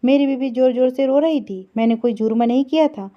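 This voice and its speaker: A woman reading an emotional story aloud in a steady, earnest narration. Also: high-pitched, brisk. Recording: dull lo-fi recording.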